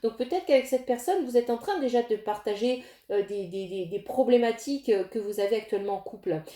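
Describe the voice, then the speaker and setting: A woman's voice: a little high, brisk, warm tone, echoey room. A woman giving a casual tarot reading to her viewers, talking directly to them with many fillers and restarts. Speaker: tarot reader.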